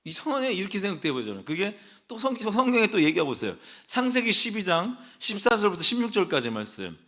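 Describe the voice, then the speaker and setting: Male pastor, sermon, church sanctuary, bright voice, animated pitch, conversational, humorous asides. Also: fast. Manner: conversational, asks the congregation questions.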